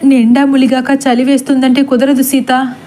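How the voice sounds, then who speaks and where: A woman's voice: high-pitched, little pitch movement, normal speed, warm tone, natural voice. A woman voicing a timid middle-aged man who frets and talks fearfully in a storybook reading. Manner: stammering, fretful.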